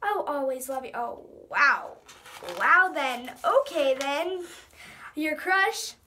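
A young girl of about ten with a high voice talks casually in a small room at home. She is dramatic and self-mocking, switching between reading aloud and chatty asides into a device at arm's length. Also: expressive, slow pace, bright, forceful tone, a little hiss or hum. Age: child, ten years old. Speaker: young vlogger. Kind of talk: casual chat, reading aloud from old diary.

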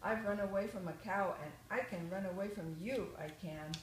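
A woman's voice: mid-range voice, moderate pace, close to an everyday voice. Storybook gingerbread boy, cheeky and boastful, chanting his taunts, read by an older woman; echoey room. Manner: taunting sing-song chant. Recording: echoey room, faint noise.

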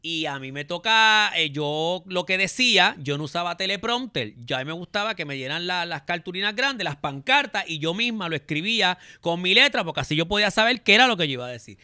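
A man's voice: sits high, brisk, few pauses, clean tone, dry recording. A Puerto Rican man hosting a podcast in a studio, telling stories in a theatrical way and referring to himself in the feminine. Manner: animated and theatrical, speaks of self in the feminine, acts out quotes. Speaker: podcast host. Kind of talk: casual chat, storytelling.

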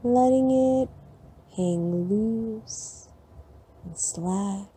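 Woman doing a sleep meditation, super slow, dark mellow voice, soothing. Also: mid-range voice, slight background noise. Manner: slow, soft and soothing, long pauses. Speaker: meditation guide.

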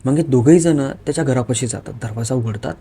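A man's voice: medium pitch, fast talker, dark tone, husky. A man narrating a horror story in a dramatic, vivid storytelling manner.

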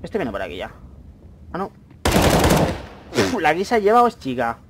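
A young man commentating his own gameplay, chatty, with excited outbursts and muttered asides. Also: fairly high pitch, normal speed. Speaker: gaming YouTuber. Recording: faint noise, mouse and keyboard clicks.

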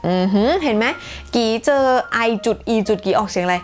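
A woman's voice: mid-range voice, a little fast, soft background music. A woman hosting her own channel, teaching English in a bilingual lesson with a chatty, playful, self-teasing manner and careful model sentences.

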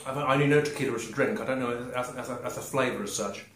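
A man in his forties talks casually to camera in an echoey glazed room with noticeable noise behind him. His delivery is halting, with muttered remarks between mouthfuls, in the manner of a homemade food review. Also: medium pitch. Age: 40s. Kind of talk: casual snack tasting chat to camera. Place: small glazed conservatory. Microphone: camera a short distance away. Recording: roomy echo, clear background noise.

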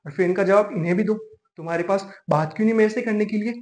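High-voiced man in an exasperated comic rant. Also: fast talker, darkish tone. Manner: exasperated ranting, mixes English phrases in. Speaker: comic monologue performer. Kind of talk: scripted comic rant monologue. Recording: echoey room.

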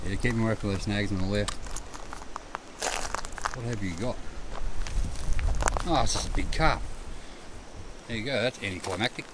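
Middle-aged Australian man, camp vlogger, relaxed and chatty, lower voice, caught from a distance on a noisy camera mic outdoors. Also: a little slow, long pauses. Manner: laid-back, chatty, self-amused. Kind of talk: casual camp narration. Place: riverbank campsite at night, outdoors.

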